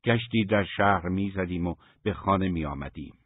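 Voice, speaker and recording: Low husky male audiobook narrator. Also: no room sound. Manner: measured, even storytelling. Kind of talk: scripted narration. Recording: thin phone-like dry recording.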